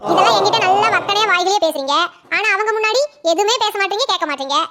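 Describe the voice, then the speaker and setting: A woman voicing a bossy, complaining young wife in a cartoon comedy, talking fast and nagging. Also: extremely high pitch, over a noisy crowd. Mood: demanding.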